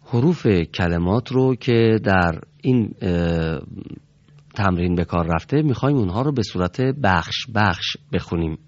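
Speaking in an expressive low voice, a man runs a Quran reading class with patience and formal politeness. He pronounces letter sounds that his students echo back as classroom instruction. The recording has its highs cut off.

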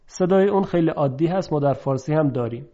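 A man teaching a pronunciation lesson, explaining methodically and drawing out example words slowly. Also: on the high side, mellow. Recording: dull lo-fi recording.

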